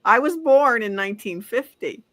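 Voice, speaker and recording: Bright-voiced woman in her seventies. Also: a little high, animated, moderate pace. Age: 70s. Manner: upbeat, emphatic, agreeing often. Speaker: co-host, wellness coach. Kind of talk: casual talk-show chat.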